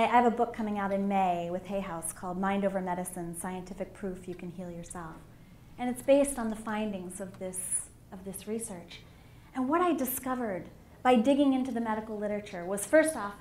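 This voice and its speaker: A middle-aged woman giving a candid, animated personal talk as a conference speaker on a stage microphone. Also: mid-range voice, a little fast. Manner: candid and animated, with emphatic swells. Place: conference hall. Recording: echoey hall with faint room noise.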